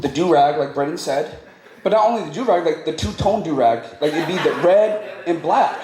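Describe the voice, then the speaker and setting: A man giving a playful, joking wedding toast as the groom's cousin at a reception. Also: fairly high pitch. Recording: echoey hall, loud room noise.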